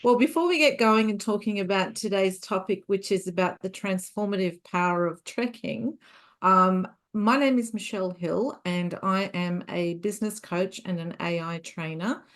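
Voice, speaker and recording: A woman hosting an online webinar speaks in a relaxed way on a video call. Her voice sits at a middle pitch, and she fills pauses with ums and uhs. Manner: relaxed, with frequent fillers. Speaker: business coach hosting a webinar.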